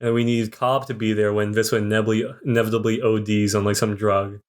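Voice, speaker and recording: A man's voice: fairly low pitch, flat delivery, fast. A young man co-hosting a podcast, rambling loosely with many fillers in casual chat. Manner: rambling, filler-heavy musing. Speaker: podcast co-host.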